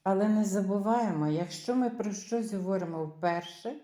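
A woman's voice: mid-range voice, normal speed, mellow, roomy sound. A woman teaching English vocabulary in a careful lesson, reading each word, translating it and spelling words out letter by letter. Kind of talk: slow, careful language lesson.

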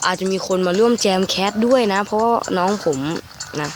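A man's voice: high-pitched, fairly quick. A young man with a cold, chatting casually and cursing now and then as he comments on his own gameplay. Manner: chatty, swears when frustrated. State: has a cold. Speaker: gameplay YouTuber. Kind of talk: casual Let's Play commentary. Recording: music playing behind.

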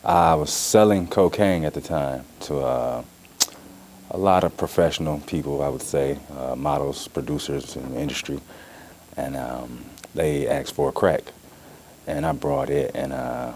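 A man's voice: rumbling low, animated, measured pace, creaky, darkish tone, a little hiss or hum. A man in his forties giving an interview testimony, candid and matter-of-fact. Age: 40s.

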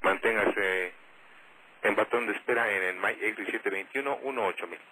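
A low-pitched man issues clipped air traffic instructions. His voice comes through a radio with clear noise behind it. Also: normal speed. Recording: noisy aviation radio transmission.

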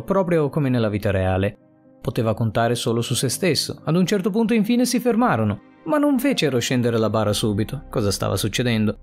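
Brief: male narrator for a suspense story, animated pitch, faint music under him. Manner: dramatic, expressive reading.

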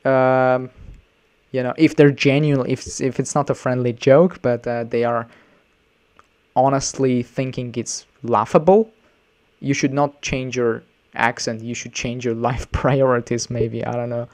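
A male English teacher comments on a video he is reacting to. He talks loosely and rambles, circling back with frequent restarts and filler sounds. His voice sits at an ordinary middle pitch. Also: little pitch movement, a little slow, a little mellow.

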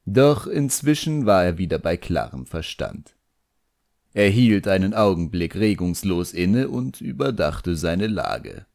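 A man narrating an audiobook in a measured, expressive way. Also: deep voice, creaky. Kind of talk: scripted narration.

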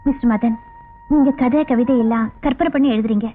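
Woman as a high-voiced lovesick young actress, pleading, thin tinny sound, faint music. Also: a little fast, natural voice. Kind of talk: 1980s Tamil film dialogue.

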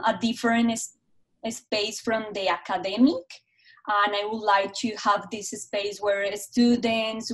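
A woman's voice: mid-range voice, poor audio. A young woman, not an English speaker, hosting a museum reading club on a video call and often searching for words. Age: young adult.

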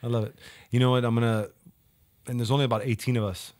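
An upbeat man hosts a relaxed conversation, talking freely and often repeating words as he gets going. His voice sits at an ordinary, mid-range pitch for a man. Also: fast talker. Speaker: host. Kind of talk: casual chat.

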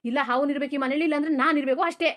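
A woman voicing a stern, quick-tempered rich village landlord father in a cartoon, scolding and repeating herself. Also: sits high, steady tone, natural voice. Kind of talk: cartoon dubbing.

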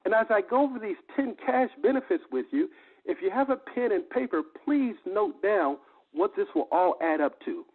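A man with a high, raspy-edged voice works through an evening business opportunity call, selling the benefits point after point. Animated and at normal speed, he is emphatic, repeats himself and throws out rhetorical questions, all heard through a telephone on a muffled, lo-fi conference line.

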